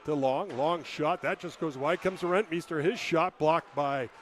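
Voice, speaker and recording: A man calling hockey play-by-play in a rapid running call, rising to shouts on scoring chances. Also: fairly high pitch, a little hiss or hum. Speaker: play-by-play announcer.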